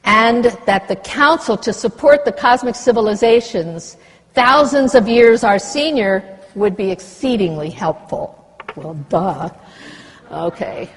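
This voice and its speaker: An older woman at a conference lectern, speaking with passion and breaking off from the text she reads for sharp asides. Her voice is husky and a little breathy, and the long reverb of a big hall trails after every phrase. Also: fairly high pitch, lively intonation, unhurried. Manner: impassioned, reads treaty text aloud with asides. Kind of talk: conference speech.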